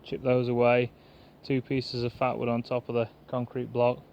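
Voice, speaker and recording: A man chatting fast and rambling to the camera in a pine woodland, like a bushcraft vlogger. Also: medium pitch, monotone, gravelly, a little hiss or hum. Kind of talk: casual rambling chat to camera. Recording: dull lo-fi outdoor recording, faint woodland ambience.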